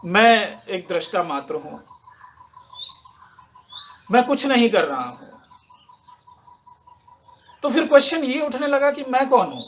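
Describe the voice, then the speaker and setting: A man giving a personal spiritual testimony as a meditation teacher, speaking slowly and reflectively with many pauses, moved to tears at times. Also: very high voice, sing-song, a little hiss or hum. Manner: slow, reflective and emotional, with many pauses and fillers.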